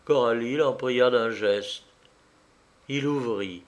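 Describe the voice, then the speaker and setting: A man narrating a classic novel aloud in an even, literary storytelling manner. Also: mid-range voice, slow pace. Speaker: audiobook narrator. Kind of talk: scripted narration.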